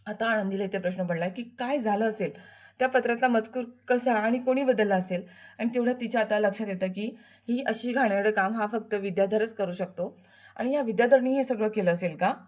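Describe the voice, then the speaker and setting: A woman's voice: mid-range voice, fairly quick, a little mellow. A woman narrating a television serial recap in a chatty voice-over, speaking directly to her listeners.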